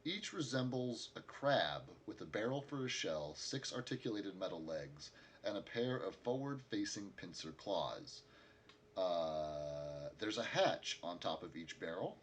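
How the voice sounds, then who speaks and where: A man narrating a tabletop game as game master, casual and halting as he improvises. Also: low voice, lively intonation, slight background noise.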